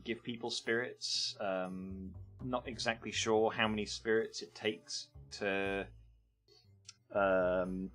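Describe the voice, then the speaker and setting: A man's voice: on the low side, a bit bright. A man casually reviewing games on a live stream, rambling and hesitant with lots of ums.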